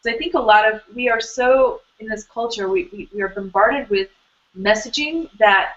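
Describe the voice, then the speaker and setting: A woman's voice: on the high side, moderate pace, a bit bright, lo-fi sound. A woman hosting an online hangout, talking casually and rambling with lots of fillers and restarts. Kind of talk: casual conversational interview.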